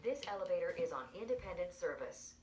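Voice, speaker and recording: A woman's recorded elevator announcement voice played from the panel speaker, speaking in measured, evenly spaced public-address phrasing. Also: lowish voice, expressive, a little mellow. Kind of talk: calm automated announcements. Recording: echoey, distant speaker with faint noise.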